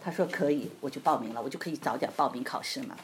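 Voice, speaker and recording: A woman giving an informal church talk on marriage, telling stories with lively emphasis and frequent laughter. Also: extremely low pitch, fast talker, slight background noise. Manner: animated storytelling, laughs often. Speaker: church speaker.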